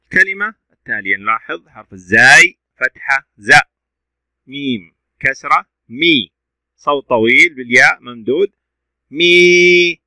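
A man's voice: mid-range voice, lively intonation, moderate pace, sharp tone, dry recording, poor audio. A male teacher giving a reading lesson to young pupils, sounding out syllables letter by letter and praising the children's answers.

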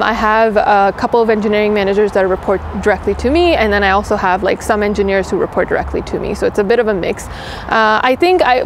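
A young woman who grew up in Toronto, answering interview questions in a quick, chatty way with lots of "like" fillers, recorded outdoors in a city courtyard. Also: medium pitch, slight background noise. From Pakistan, raised in Toronto. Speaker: engineering director, interview guest.

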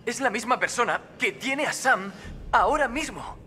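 A man's voice: very high-pitched, lively intonation, moderate pace, bright, forceful tone, soft background music, exaggerated voice. An actor playing an anxious, protective young man, an earnest friend in a horror video game dub. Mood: urgent reassurance.

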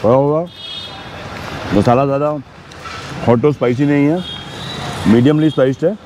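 A man in his fifties hosts a food vlog outdoors on busy city streets, narrating casually into a clip-on lapel mic with street noise behind him. He's chatty and enthusiastic and mixes English words into his Hindi. His voice is medium-pitched with fairly even intonation at a moderate pace.

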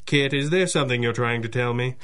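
In a 1930s-style radio adventure, a male actor with a mid-range voice plays a dry, mysterious masked crimefighter boss. His measured deadpan is lightly acted and comes across as analytical.

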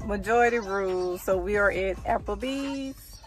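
A woman's voice: medium pitch, normal speed, soft background music. A woman, chatting casually to her phone camera from inside a parked car. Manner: lively, chatty, teasing. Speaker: vlogger. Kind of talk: casual family vlog. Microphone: phone held at arm's length.

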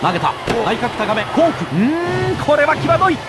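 A man playing an excitable play-by-play baseball announcer in a video game, calling the action in clipped, urgent phrases. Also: extremely high pitch, brisk, very noisy. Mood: brisk, controlled. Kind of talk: video game sports commentary. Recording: game music under the voice.

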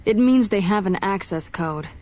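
A female military police officer voiced by an actress speaks in dry game dialogue at a medium pitch. She is no-nonsense, wry and matter-of-fact. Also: expressive, normal speed, mellow, lightly acted.

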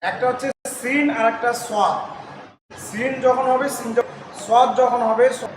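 A fairly high-voiced man gives a recitation lesson, slowly repeating each word and chanting the examples long and drawn out. He sounds far from the mic in a very echoey room. Steady noise hums underneath. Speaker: Quran recitation teacher. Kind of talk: tajweed pronunciation lesson.

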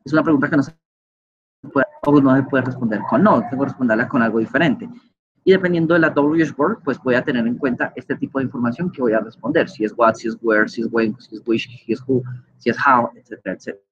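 A man's voice: mid-range voice, fast, a little hiss or hum. Man, online class teacher, patient explaining, dull lo-fi computer mic. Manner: patient, explanatory, many fillers and checks like "¿sí?". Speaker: English teacher. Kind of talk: online lecture explaining grammar.

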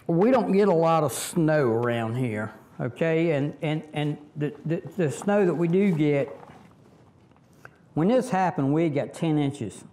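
This tractor vlogger, a middle-aged Southerner from Virginia, talks through his how-to in an easygoing, rambling style full of fillers and restarts. His slightly high voice is mellow yet expressive, heard outdoors beneath a shelter a short distance from the camera.

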